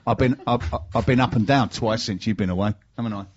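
A middle-aged man with a British accent hosts a radio show, mixing casual chat with sponsor messages. His mid-range voice moves briskly, and the recording sounds dull and band-limited.

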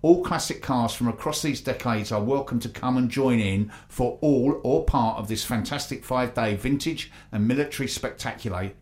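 A man's voice: mid-range voice, moderate pace, hardly any pauses, darkish tone. A man with an English accent hosting a radio show, reading out announcements in a chatty, hesitant way. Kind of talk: live local radio presenting, reading announcements.

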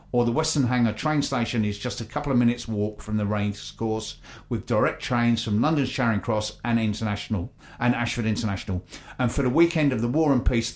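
English man presenting local radio. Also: mid-range voice. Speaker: radio show host. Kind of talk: live local radio presenting, reading announcements.

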